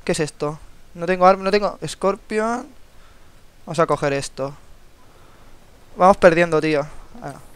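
A young man with a Spain Spanish accent talks casually over his gameplay. He is eager and excitable and swears when things go wrong. His voice sits slightly high and sounds smooth and clear. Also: normal speed, long pauses. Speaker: gameplay video host. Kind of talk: casual gaming commentary.

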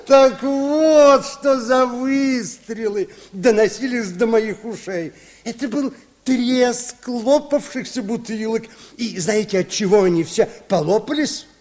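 An actor playing a boastful, excitable baron telling tall tales in a theatrical, pompous old radio play manner. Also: male voice, very high-pitched, takes it slowly. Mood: boastful, excited. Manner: theatrical, pompous, wildly dramatic. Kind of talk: mid-century Soviet radio play storytelling. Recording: reverberant old radio drama recording.

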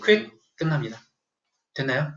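A man's voice: a little high, big pitch swings, moderate pace, a bit bright. A man teaching English vocabulary to a class, telling a joking story and quizzing his students as he goes. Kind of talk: classroom lecture. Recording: echoey room, dull lo-fi sound.

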